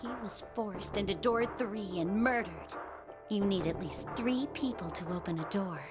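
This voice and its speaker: A woman reading a visual novel's dialogue aloud, voicing a calm, quiet and eerily cold young woman. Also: medium pitch, normal speed, music in the background, close to an everyday voice.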